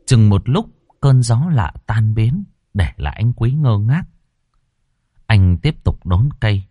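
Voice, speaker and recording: A man narrating a ghost story in a dramatic, expressive reading style. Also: lowish voice, takes it slowly, no echo.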